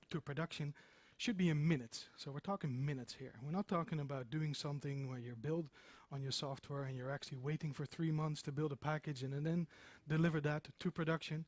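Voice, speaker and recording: A dry recording captures a middle-aged software developer's fairly high, darkish voice as he gives an informal talk at a conference. Seated listeners fill the indoor meeting room, and he stresses points emphatically by repeating phrases.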